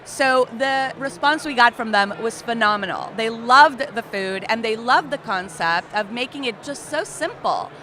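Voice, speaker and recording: A woman's voice: on the high side, moderate pace, few pauses, sharp tone. A woman in her thirties from Costa Rica, a company co-founder, explaining things in a friendly way as an interview guest. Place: outdoor festival booth.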